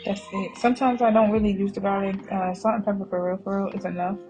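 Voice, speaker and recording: Over her kitchen footage and some background music, a woman narrates her own cooking video in a quick, warm voice of medium pitch with fairly even intonation, though the audio is dull. As a home cooking vlogger, she keeps things loose and talkative, drifting into tangents, laughing readily and addressing her audience as y'all.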